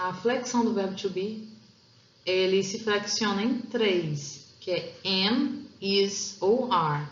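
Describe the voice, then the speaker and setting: Over a set of slides, a Portuguese-speaking woman walks through an English grammar lesson step by step, slowing down whenever she reads an example sentence. Her voice sits in the mid-range and sounds a bit bright. The recording is roomy, dull and lo-fi.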